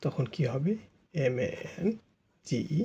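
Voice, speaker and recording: Bengali guy patiently walking through french verbs, husky warm voice, spells stuff out. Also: mid-range voice, slow, muffled recording. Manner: patient, repeats and spells words out. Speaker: French teacher. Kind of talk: explaining grammar step by step.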